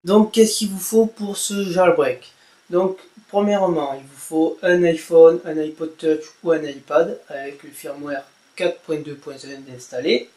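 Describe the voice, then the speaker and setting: A man's voice: a little high, fairly even intonation, measured pace, a little mellow, faint music behind. A man narrating a casual tech tutorial, hesitating often with fillers and saying "voilà" after each step. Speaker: tech blogger giving a tutorial.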